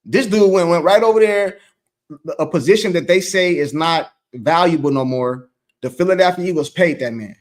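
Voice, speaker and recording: A man's voice: on the high side, moderate pace. A man hosts a casual sports chat. He rambles, stacks up repeated words and reacts to the chat as he goes. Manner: loose, rambling, repeats himself. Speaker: host.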